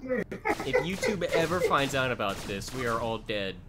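A young man in casual voice chat while playing a game, excitable and swearing. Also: mid-range voice, unhurried, heavy background noise. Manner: excitable, swears and yells in panic. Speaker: gamer.

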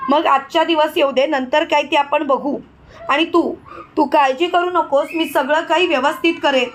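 A woman voicing a stubborn mother-in-law who scolds loudly. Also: sits high, steady tone, moderate pace, a little hiss or hum, lightly acted. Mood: angry. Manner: scolding, loud.

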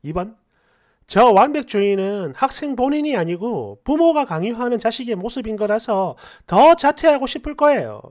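A woman's voice: fairly high pitch, big pitch swings, moderate pace, a little mellow. A woman reading out online posts and comments with sarcastic, scolding commentary.

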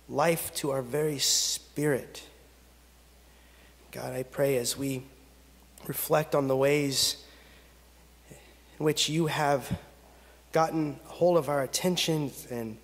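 A man in his thirties, a pastor, leading a pastoral prayer and reading scripture from the pulpit in slow, measured phrases with long pauses. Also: a little high. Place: church sanctuary at a pulpit. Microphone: pulpit gooseneck microphone. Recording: long reverb of a church sanctuary.

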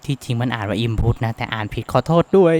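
Talking fast in a medium-pitched, darkish voice, a young VTuber host walks through a casual screen-share tutorial. He is chatty and rambling, full of fillers, and keeps making jokes at his own expense.

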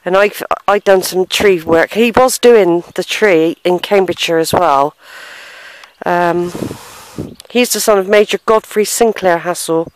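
In a dry, rough recording, a woman with a lowish, unhurried voice films a walk through an outdoor churchyard. She is a family history vlogger, unseen behind her handheld camera, thinking aloud casually as she muses, hesitates, sighs, and reads the gravestones aloud.

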